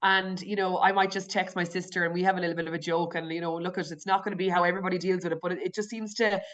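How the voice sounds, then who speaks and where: A woman's voice: lowish voice, steady tone, rapid-fire, fairly bright tone. A woman with an Irish accent, a podcast guest talking candidly and reflectively, with frequent restarts and fillers. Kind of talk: candid conversational interview.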